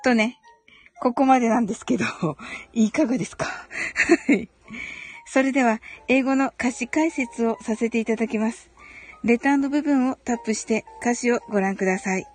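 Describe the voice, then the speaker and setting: A woman hosting a casual audio broadcast, politely explaining English song lyrics and reading each English line slowly and carefully. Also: fairly high pitch, faint music behind.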